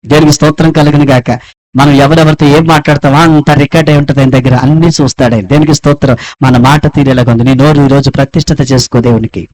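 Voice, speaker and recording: A man's voice: mid-range voice, steady tone, fast talker, darkish tone, poor audio. A man from India preaching a sermon, asking rhetorical questions and calling for praise in fervent, rising exhortations. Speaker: pastor.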